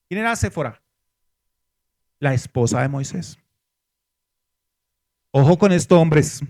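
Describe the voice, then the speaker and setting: Man preaching, fairly high voice. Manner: preaching with rhetorical questions to the congregation. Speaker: pastor. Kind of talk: sermon.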